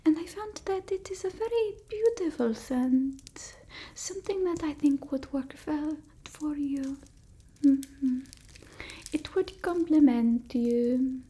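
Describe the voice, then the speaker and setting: A woman with a slow, mellow voice that sits high plays a haughty, fussy but doting vampire mistress in a whispered ASMR roleplay. She puts on an Eastern European accent, and her imperious, teasing murmur comes across as gently fussing.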